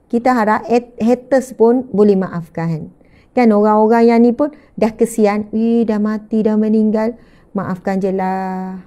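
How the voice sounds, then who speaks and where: A woman's voice: fairly high pitch, warm tone. A middle-aged woman giving a religious lecture, telling stories emotively with frequent pious exclamations. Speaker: religious teacher (ustazah).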